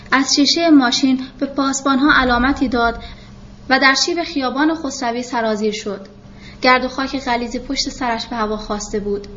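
Lady narrating an audiobook, measured and calm, kinda high voice, bit of faint hiss. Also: highs cut off. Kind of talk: audiobook reading of a novel.

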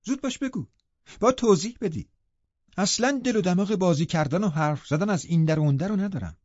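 A man's voice: high voice, expressive, darkish tone, slightly rough, dry recording, pitched above the performer's own voice. A man voicing an impatient, proud young woman who scolds sharply and with scorn. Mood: angry. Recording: dull lo-fi recording.

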